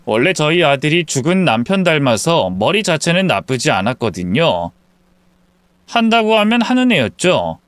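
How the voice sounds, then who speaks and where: Smooth, lively male storyteller. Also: a little high, moderate pace, dry recording. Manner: calm, earnest, confiding. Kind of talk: scripted first-person story narration.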